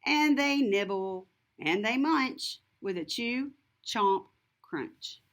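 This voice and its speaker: A woman reading a rhyming picture book aloud to children, expressive and deliberate, with a sing-song lilt. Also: on the high side. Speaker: storybook reader. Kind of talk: scripted children's read-aloud narration.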